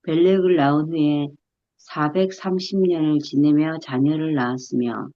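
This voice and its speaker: Low-voiced woman reading scripture. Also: fairly even intonation, normal speed, dark tone, highs cut off. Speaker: scripture reader.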